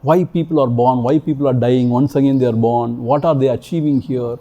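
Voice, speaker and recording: A man's voice: mid-range voice, steady tone, brisk, warm tone, muffled recording. A man giving a spiritual discourse, emphatic and repetitive, with many rhetorical questions. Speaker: spiritual teacher. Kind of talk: spiritual discourse to a retreat audience. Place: retreat hall before an audience.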